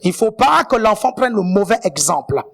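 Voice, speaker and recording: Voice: mid-range voice, very animated, normal speed, gravelly. A guest preacher giving a sermon, often checking in with the congregation and adding playful asides.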